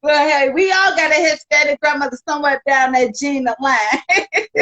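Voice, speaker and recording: A woman's voice: high-pitched, normal speed, sharp tone. A woman hosting a casual live-stream podcast interview, chatty and upbeat, laughing often. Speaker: podcast host.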